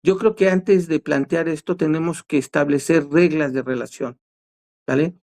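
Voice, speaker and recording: A man's voice: a little high, fairly even intonation, normal speed, gravelly, a little mellow. Man explaining with rhetorical questions. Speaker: guest therapist. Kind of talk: casual talk show discussion.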